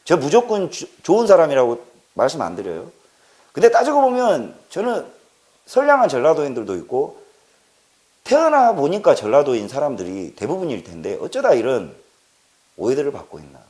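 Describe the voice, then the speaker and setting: Emphatic Korean man with a lively, rising pitch. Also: normal speed. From Jeolla, South Korea. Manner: emphatic, repeats words for stress, rhetorical questions. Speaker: political commentator. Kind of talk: impassioned political monologue.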